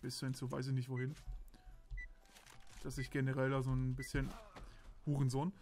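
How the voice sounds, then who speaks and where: A man's voice: medium pitch, monotone, moderate pace, a little mellow. A young man from Berlin giving rambling, crude, casual commentary while playing a shooter game. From Berlin, Germany. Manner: rambling, crude, self-justifying chatter. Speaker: let's play commentator.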